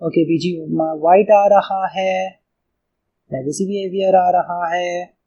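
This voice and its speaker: Slowly and steadily, a man with a high, warm voice talks through a coding tutorial captured from his screen, in lo-fi sound. He's Pakistani with an Urdu accent, and he thinks aloud in a relaxed way, often calling the viewer brother, "bhai."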